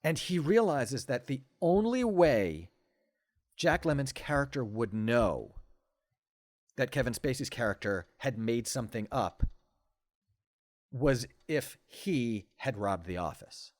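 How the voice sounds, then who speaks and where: A man's voice: mid-range voice, animated, takes it slowly, darkish tone, no room sound, studio quality. Enthusiastic, stammering man in his forties. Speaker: podcast guest. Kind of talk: casual conversation.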